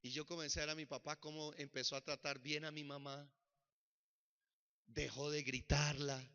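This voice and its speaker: A male pastor preaching a sermon with personal testimony, swinging from shouts to soft, dramatic lines. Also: on the high side, little pitch movement, normal speed, clear, resonant tone. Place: church sanctuary. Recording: dull lo-fi church recording.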